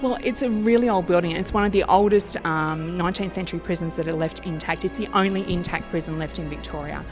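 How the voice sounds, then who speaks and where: A woman's voice: fairly low pitch, quick pace, few pauses. An Australian woman working as a tour guide, giving informative interview answers about local history. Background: music.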